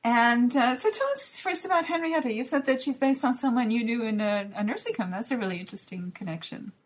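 A woman's voice: fairly high pitch, a little fast. A woman host asking an author questions in an engaged, prompting way. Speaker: interview host. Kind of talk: interview questions.

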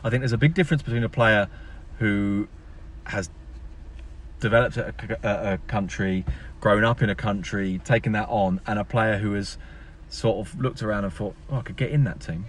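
A man's voice: lowish voice, steady tone, moderate pace. A man co-hosting a casual, opinionated football podcast outdoors in a car park, emphatic and thinking aloud. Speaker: sports journalist and podcast co-host. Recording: outdoor car park with audible ambient noise.

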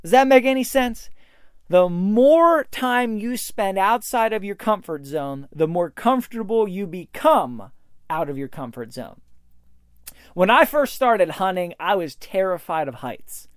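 A man hosting a solo hunting podcast, telling a story in a rambling way with many fillers and restarts, getting animated when he quotes others. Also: sits high, unhurried, clean tone, dry recording, clean studio sound. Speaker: podcast host.

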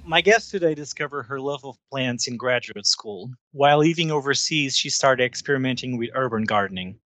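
Man, Portuguese accent, podcast host, upbeat, bright tone. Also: medium pitch, lively intonation, a little fast. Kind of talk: podcast interview.

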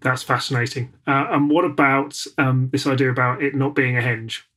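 Male host, casual, hesitant, reading listener questions, mid pitch. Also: fairly even intonation, moderate pace, bright, forceful tone. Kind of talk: casual interview hosting.

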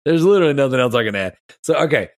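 A man's voice: medium pitch, expressive, very fast, no echo, clean studio sound. A man hosting a casual podcast, wheezy and stuffed up from being sick, rambling enthusiastically in loose slang. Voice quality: wheezy, congested, snotty. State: sick with strep throat, mouth-breathing. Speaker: podcast host. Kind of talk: casual chat.

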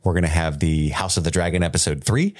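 A man's voice: sits low, fast talker. A man co-hosting a casual podcast, friendly and upbeat as he wraps up the episode. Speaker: podcast co-host. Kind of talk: casual podcast chat and sign-off. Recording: voice over background music.

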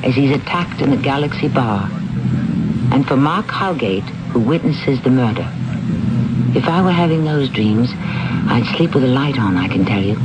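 A man hosting a radio drama with scripted narration in a measured, wry storytelling manner. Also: medium pitch. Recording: noisy old radio recording.

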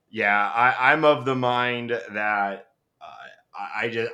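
A man co-hosting a podcast over a call on a low-quality stream from a backup microphone, speaking haltingly with frequent restarts. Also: bright, forceful tone. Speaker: podcast co-host. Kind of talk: casual sports chat over a call. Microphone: backup computer microphone.

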